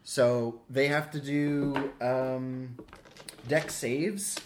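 A woman's voice: a bass voice, fairly even intonation, extremely slow, music in the background. A woman player in a tabletop game, working through her dice totals aloud.

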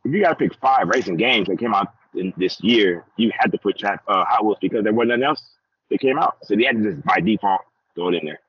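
A man's voice: on the low side, lively intonation, fast talker, slightly rough, muffled recording. A man chatting casually and jokingly with friends, in laid-back slang. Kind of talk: casual chat.

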